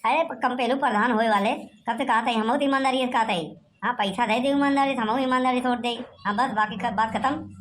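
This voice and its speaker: A woman voicing a sly, haggling village man in a cartoon, talking in loud rustic Awadhi with constant tag questions. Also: fairly high pitch, fairly quick, lightly acted. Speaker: villager voter. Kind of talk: cartoon comedy voice acting.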